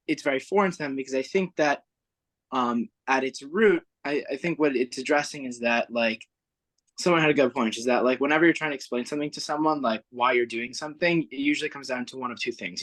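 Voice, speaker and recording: A man's voice: medium pitch, brisk, a bit bright, no room sound. A man talking over a video call with a dropping connection, hesitant and full of "like" fillers and restarts in a casual group study discussion. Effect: heard over a video call with a dropping connection.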